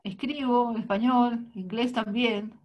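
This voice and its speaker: A woman gives a live interpretation of a talk in the first person. Her voice sits a little high. Her phrasing is halting, with frequent restarts. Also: steady tone, lo-fi sound. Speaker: sign language interpreter.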